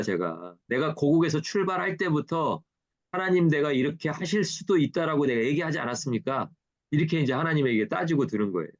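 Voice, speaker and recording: A man's voice: on the high side, lo-fi sound. A man, a pastor, teaching a Bible study in a conversational way, asking rhetorical questions and acting out quoted dialogue.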